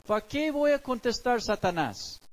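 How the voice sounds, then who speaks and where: A man's voice: very high-pitched, big pitch swings, moderate pace, poor audio. A man preaching as a pastor, explaining scripture in a conversational way with everyday street examples. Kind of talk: sermon.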